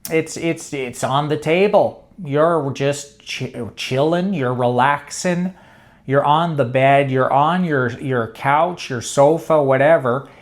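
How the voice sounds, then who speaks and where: Slow-talking man musing aloud. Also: a little high. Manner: meandering, hesitant, many restarts. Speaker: channel host. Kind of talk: casual brainstorming monologue.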